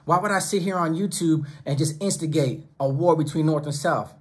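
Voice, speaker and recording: A middle-aged man runs his own YouTube channel, speaking straight into a close camera from his desk in a small home studio full of monitors and speakers. His voice is a little high and slightly rough, moving at a normal speed. He delivers his commentary emphatically, almost preachily, and often piles phrases up into lists.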